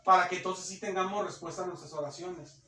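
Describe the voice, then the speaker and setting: A man's voice: high voice, fairly even intonation, a little fast, sharp tone, slight background noise. A man preaching a sermon in a conversational way, repeating phrases and acting out the voices of churchgoers. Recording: echoey room, distant mic.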